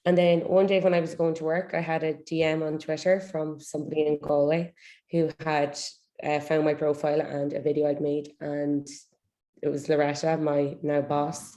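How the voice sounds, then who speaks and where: A woman's voice: low voice, warm tone. A woman with an Irish accent chatting casually as a guest in an interview. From Ireland. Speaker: podcast guest, social media manager.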